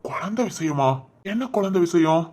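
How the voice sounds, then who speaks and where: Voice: medium pitch, lively intonation, normal speed, darkish tone, close to an everyday voice. An actor playing a weary young village husband. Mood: upset. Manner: weary, then pleading reproach. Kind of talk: village drama acting.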